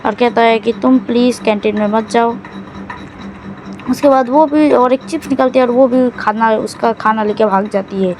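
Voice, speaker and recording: A woman's voice: a little high, normal speed, darkish tone, a little hiss or hum, low-quality recording. A woman casually recapping a drama's plot in a loose, rambling way, often correcting herself mid-sentence.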